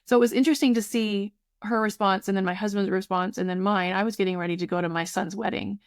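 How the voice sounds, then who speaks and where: A woman's voice: mid-range voice, steady tone, fast, no echo, clean studio sound. A woman in her fifties who runs a tutoring program, talking effusively in a casual podcast conversation. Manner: warm, effusive, restarts sentences.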